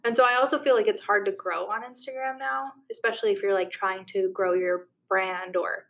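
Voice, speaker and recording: A woman's voice: mid-range voice, fairly even intonation, highs cut off. A young woman co-hosting a podcast, talking casually in a slightly nasal voice, saying yeah often and laughing at herself. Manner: chatty, quick to laugh at herself. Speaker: podcast co-host.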